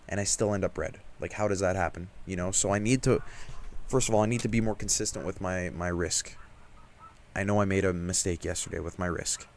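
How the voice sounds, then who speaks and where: Young man, deep low voice, casual slang, frustrated, self-critical, vlog rant. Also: slight background noise. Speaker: trading vlogger.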